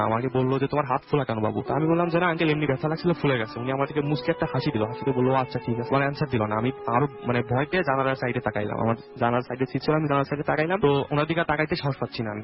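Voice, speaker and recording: A young man from Bangladesh calling in to tell a true ghost story in casual, halting speech full of restarts and self-corrections. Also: mid-range voice. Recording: dull lo-fi radio audio with faint music.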